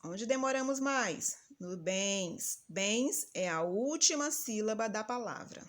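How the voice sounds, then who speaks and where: A woman teacher giving a patient, didactic lesson and calling out example words slowly and loudly. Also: medium pitch, lively intonation. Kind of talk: recorded grammar lesson for children.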